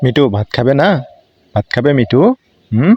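A man patiently coaxing his pet parrot to mimic a crow, in a gentle, coaxing way. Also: mid-range voice, moderate pace, lo-fi sound, slight background noise. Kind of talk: coaxing talk to a pet bird.

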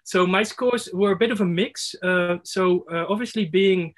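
Speaking at a normal speed in a voice that sits high, a man in his thirties shares a reflection as a participant in an online workshop. He hesitates, with many fillers and restarts, talking over a laptop video call from a room at home with window blinds.

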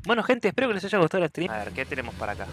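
A man's voice: on the high side, very animated, very fast, a bit bright, slight background noise. A young man with an Argentine accent commentating a horror game as a streamer, jumpy, screaming and swearing often while joking around. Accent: Argentine Spanish. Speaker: gaming streamer.

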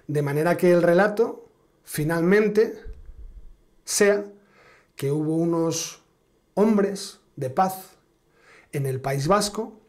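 A man delivering a political commentary monologue in a rather high voice. He speaks with biting sarcasm and stretches key words for emphasis, repeating phrases for effect. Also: a little mellow. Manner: sarcastic, emphatic, drawn-out dramatic stresses.

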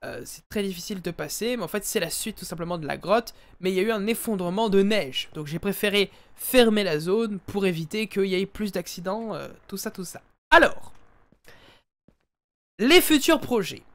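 At a normal pace and with lively intonation, a man with a high-sitting voice streams a let's play, chatting into his headset as he plays. He keeps addressing his audience as ladies and gentlemen.

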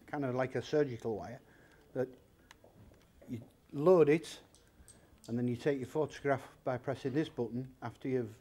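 A man's voice: mid-range voice, moderate pace, pauses often, mellow, slight background noise. A man in his fifties who owns a secondhand shop, speaking in an interview and talking plainly through the prices of old items. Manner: chatty, plain-spoken, explains prices step by step. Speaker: warehouse shop owner. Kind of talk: interview and object demonstration. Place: large indoor secondhand furniture warehouse.

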